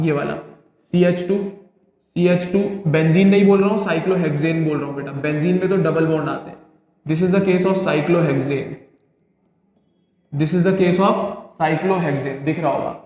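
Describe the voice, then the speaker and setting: A male chemistry teacher, lecturing an online class. He keeps asking students if things are clear and answers his own questions. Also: sits high, a little mellow. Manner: drilling, asks questions and answers them himself. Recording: very echoey classroom with long reverb.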